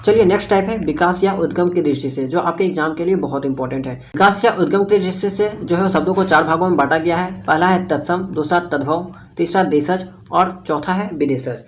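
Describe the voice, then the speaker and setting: A man's voice: on the high side, fairly quick, hardly any pauses, a little hiss or hum. A man with a Jharkhand Hindi accent teaching Hindi grammar for an entrance exam. He explains steadily and keeps checking in with the students. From India. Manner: repeats "thik hai" and "jo hai" while explaining, checks with listeners often.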